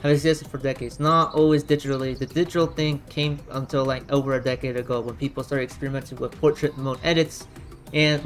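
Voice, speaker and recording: Male reaction commentator: fairly high pitch, argumentative, rambling delivery, light music underneath. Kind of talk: unscripted opinion commentary.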